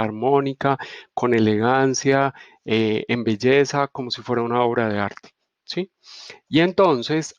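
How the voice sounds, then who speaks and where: Man teaching slowly, "¿sí?" asides. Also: mid-range voice, no echo, muffled recording. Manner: unhurried, repeats rhetorical "¿sí?" and "¿cierto?". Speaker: spiritual teacher. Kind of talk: reflective spiritual teaching.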